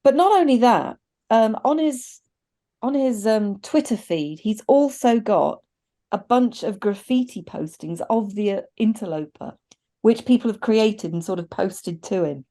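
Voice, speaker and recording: On a video call with a virtual backdrop, a middle-aged woman sits at an indoor desk co-hosting a podcast that reviews films. Her medium-pitched, mellow voice has lively intonation and a slightly slow pace, and her casual remarks are thoughtful and hedged.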